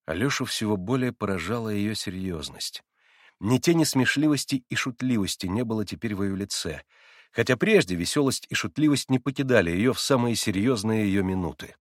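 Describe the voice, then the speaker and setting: A man's voice: on the low side, expressive, dry recording, clean studio sound. Man narrating a classic novel. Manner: measured, literary. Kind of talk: scripted audiobook narration.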